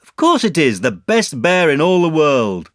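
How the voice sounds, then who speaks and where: A man's voice: mid-range voice, big pitch swings, moderate pace, no echo, studio quality, voice pushed up. A man voicing an eager, kindly young boy in a storybook reading, speaking in an emphatic way. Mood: excited, fond.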